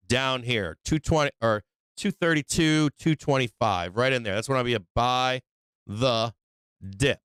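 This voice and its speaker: Medium in pitch and a bit bright, this man's voice sounds smooth with no room sound. He is sick and losing his voice while hosting a relaxed stock-trading livestream, musing over charts and tossing out rhetorical "right?"s.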